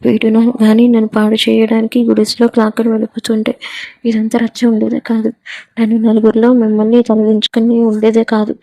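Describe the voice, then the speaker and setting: A woman's voice: a little high, completely flat delivery, brisk, warm tone, dry recording, lightly acted. A woman reading a wronged young village woman pleading.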